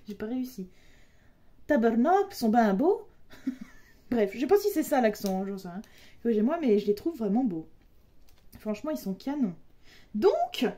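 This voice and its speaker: A woman's voice: fairly high pitch, dark tone. A young woman chatting casually through an unboxing, playful and talkative, laughing often and joking around as she goes. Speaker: diamond painting vlogger.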